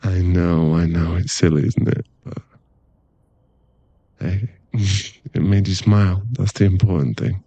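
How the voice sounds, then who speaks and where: Heavily acted and close to the mic, this ASMR roleplay has a man as an affectionate werewolf boyfriend, playful and teasing. His low, gravelly voice is very mellow and relaxed, delivered in soft, coaxing, halting phrases, and the recording is dry, muffled and free of room sound.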